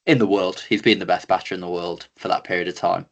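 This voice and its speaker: A man's voice: deep voice, steady tone, quick pace, vocal fry. A young man co-hosting a casual sports chat, confident and cheeky, stating bold opinions. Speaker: co-host.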